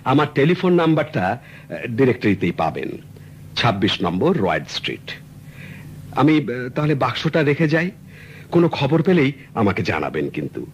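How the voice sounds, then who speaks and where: A faintly hissing old radio recording carries a 1970s drama performance. The actor's mid-range voice moves through big pitch swings at a moderate pace with frequent pauses as he plays a polite, earnest middle-aged client telling his story courteously and at length.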